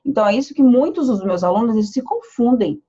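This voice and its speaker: A Brazilian woman teaching English pronunciation, repeating example phrases slowly and explaining step by step. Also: on the high side, expressive, mellow, breathy edge, dull audio. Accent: Brazilian Portuguese. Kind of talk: pronunciation lesson.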